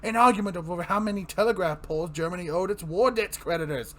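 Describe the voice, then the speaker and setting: A man's voice: sits high, fast talker, bright, forceful tone. A man voicing the Joker-like mad clown villain of a comic book, grandiose, mocking and bitter, in a dramatic reading. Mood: manic pleading. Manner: grandiose showman delivery, mocking, swooping emphasis.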